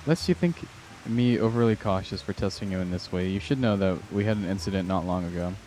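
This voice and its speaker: A man's voice: low-pitched, fast talker, darkish tone, a little hiss or hum, lightly acted. A man voicing a haughty, self-important employer from a fantasy game, reading out formal lines in a pompous manner.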